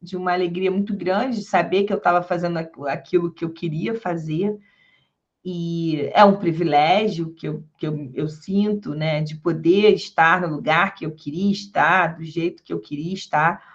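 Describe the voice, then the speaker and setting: A woman, a public defender, giving a lecture and telling stories from her career in a lively way, acting out the people she quotes, with a Rio de Janeiro accent. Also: lowish voice, moderate pace. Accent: Rio de Janeiro Portuguese. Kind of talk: storytelling lecture. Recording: dull lo-fi sound.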